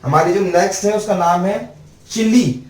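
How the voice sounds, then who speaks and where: A male teacher giving a spelling lesson, drawing out letters one by one at a board. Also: high voice. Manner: slow, drawn-out letter-by-letter spelling. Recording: echoey room, mic at a distance.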